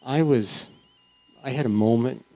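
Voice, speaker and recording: Man, mellow voice, informal church testimony, earnest, halting, frequent restarts. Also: mid-range voice, low-quality recording. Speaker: church member sharing.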